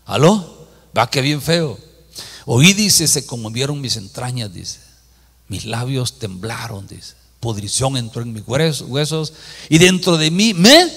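Folksy pastor preaching. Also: male voice, mid-range voice, long reverb tail. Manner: lively, folksy, often asks the congregation to repeat after him. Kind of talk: sermon.

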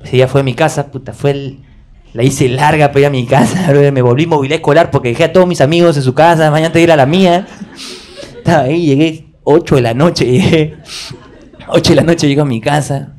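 Animated stand-up comic. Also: male voice, fairly high pitch, quick pace. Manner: animated, swearing, self-addressing. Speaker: stand-up comedian. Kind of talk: stand-up comedy storytelling. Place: theater stage.

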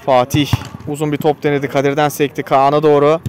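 A man's voice: on the high side, quick pace. A man giving live football play-by-play in short, clipped phrases naming players, raising his voice for shots and goals. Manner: raises voice excitedly at shots and goals. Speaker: football commentator.

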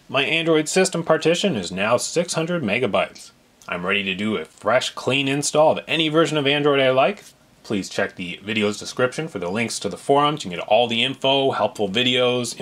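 The speaker is a man with a medium, somewhat bright voice narrating a step-by-step software tutorial. His style is plain and instructional, and he speaks directly to the viewer.

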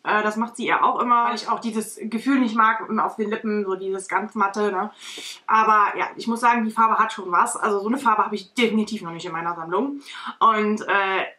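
Filmed at home by a desk-distance camera, this young woman rambles through a makeup tutorial with lots of fillers. She's a beauty vlogger with a brisk, sharp, mid-range voice, speaking indoors from a bedroom or home studio.

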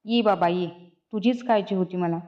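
A woman reading the part of a caring mother who speaks softly and tenderly, on a dull lo-fi recording. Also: mid-range voice, moderate pace, in a large hall, natural voice. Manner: soft, tender.

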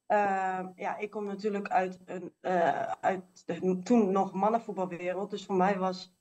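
A woman giving earnest interview answers in a halting way. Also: mid-range voice, steady tone, darkish tone. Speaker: guest, technical manager. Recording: voice distant from mic.

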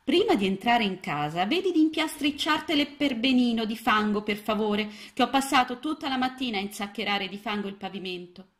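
A fussy, doting mother frog from a storybook, bustling and motherly, her voice pitched up a touch and full of lilt, as a woman narrator puts her on. She fusses warmly over the little one she has taken in. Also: lively intonation, a little fast, hardly any pauses, close to an everyday voice. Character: motherly middle-aged female frog, fussy housewife.

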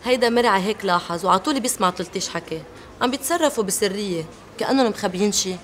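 Woman doing a lebanese lady spilling gossip really fast, matter of fact. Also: mid-range voice, animated, natural voice. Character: woman reporting gathered gossip. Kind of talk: TV drama acting.

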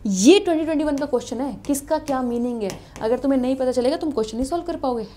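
A young woman giving an animated, coaxing exam-prep biology lecture, often asking her students questions. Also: high voice, rapid-fire. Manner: animated and coaxing, asks students questions, calls them beta. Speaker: biology teacher.

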